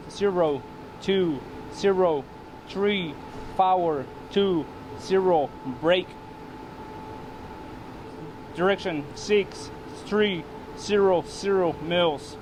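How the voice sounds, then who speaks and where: A man demonstrating a calm radio fire call, speaking in clipped procedural phrases and spelling out digits deliberately. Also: high voice, noisy background.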